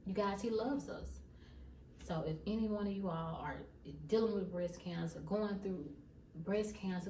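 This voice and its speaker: This woman's mid-range voice has a dark tone, with slight background noise around it. In her casual vlog she delivers an emphatic faith testimony to viewers she calls y'all, heard from far off in an echoing room.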